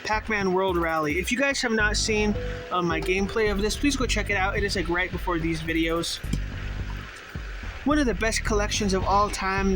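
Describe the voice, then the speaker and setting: A young man hosting a casual vlog, chatting informally to viewers with loosely enunciated words because a mouth ulcer makes it hurt to talk. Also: high voice. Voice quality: loose, not fully enunciated articulation. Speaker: video host. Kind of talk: casual game collection vlog.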